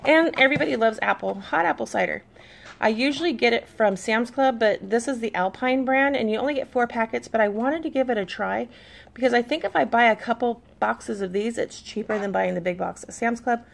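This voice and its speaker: A woman's voice: a little high, fairly quick, vocal fry, a little hiss or hum. A woman in her thirties, a mom chatting casually to camera about her shopping haul, easygoing and reading labels aloud.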